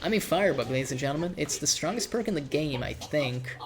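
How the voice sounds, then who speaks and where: A man's voice: a little high, fast talker, background noise. Nasal male streamer with a cold. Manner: rambling, relaxed, swears casually. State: congested from a cold. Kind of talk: casual gameplay commentary.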